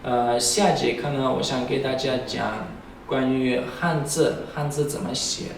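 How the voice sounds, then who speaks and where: Slow, echoey male teacher drilling tones. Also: mid-range voice, background noise. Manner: slow, deliberate drilling of tones and syllables with frequent hesitations. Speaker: Chinese language teacher. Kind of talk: recorded university language lesson. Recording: very echoey room, voice far from mic.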